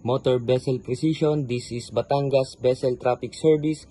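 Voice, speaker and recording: A man's voice: mid-range voice, fairly even intonation, moderate pace, warm tone. A man speaking as a vessel traffic service radio operator, giving formal, procedural replies in a scripted maritime radio exchange.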